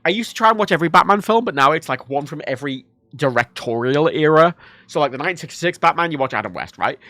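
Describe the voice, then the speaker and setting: A drunk male streamer, born in Ireland and raised in England, rambling loosely and cursing freely. His voice is bright and sharp, with a pitch that swoops up and down all the time. The sound is dry and close, with no room around it. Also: no room sound. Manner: self-deprecating, swears a lot, rambling. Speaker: livestreamer. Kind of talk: casual rambling stream chat.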